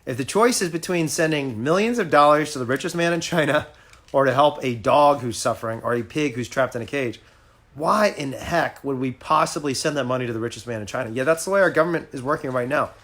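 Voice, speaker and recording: A man with a mid-range, slightly bright voice speaks fairly quickly on a casual home livestream. He's an animal rights activist, addressing viewers directly in an earnest, persuasive way, picked up by a phone or laptop mic.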